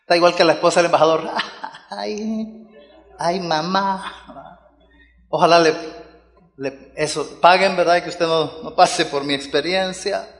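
A pastor preaches in a fairly high, light voice. He keeps the sermon conversational and often checks in with the congregation. His voice rings out in a long, reverberant hall. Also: fairly even intonation, brisk. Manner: conversational preaching with frequent "¿verdad?" asides to the congregation.

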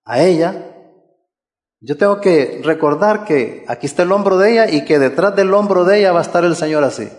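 A man's voice: high-pitched, big-room sound. A male preacher giving an earnest, exhorting sermon, repeating his key phrases.

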